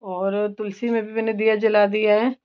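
A woman's voice: mid-range voice, level tone, moderate pace. A woman in her thirties chatting casually to viewers as she walks through her home chores and evening routine. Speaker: vlogger and mother. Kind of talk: casual home vlog narration. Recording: slightly dull lo-fi phone audio.

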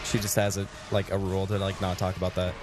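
Low-voiced young man streaming a game. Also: completely flat delivery, fast talker, background noise. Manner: rambling, chatty, talks to his chat. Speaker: Twitch streamer. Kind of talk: casual gaming livestream commentary. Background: game music.

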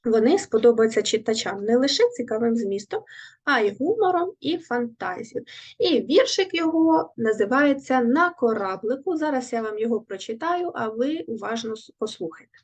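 A woman teaching a recorded lesson to young children, speaking clearly and patiently, asking questions and praising her pupils. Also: fairly high pitch, expressive, normal speed. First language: Ukrainian. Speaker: primary school teacher.

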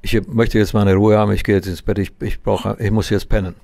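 Brief: man as an exhausted bar owner, fed up and scolding, low gravelly voice. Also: little pitch movement, brisk, warm tone. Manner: exasperated, scolding. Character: tired, grumpy male bar owner.

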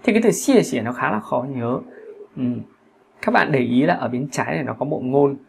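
Gravelly male teacher, patient and repetitive. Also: mid-range voice, lively intonation, fairly quick, slight background noise. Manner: patient, repeats words, frequent "hả?" checks. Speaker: Chinese teacher. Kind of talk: classroom lesson.

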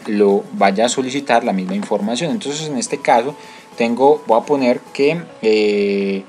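A man's voice: mid-range voice, measured pace, a little mellow, soft background music. A man with a Colombian Spanish accent explaining a screen-recorded tutorial step by step, with many fillers and restarts. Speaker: tutorial host.

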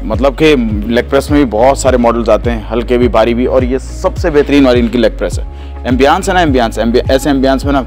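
A Pakistani vlogger tours a gym at night, walking through its outdoor and indoor areas and eagerly asking questions as he reviews the place. His mid-range voice is slightly mellow and he talks fast, recorded on a handheld phone mic with faint music in the background.

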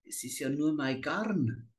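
A man's voice: a little high, expressive, slow pace, pitched above the performer's own voice. A man reading aloud and voicing an ugly old forest witch who coaxes slyly and cruelly. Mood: coaxing sly. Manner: coaxing, sly, cackling.

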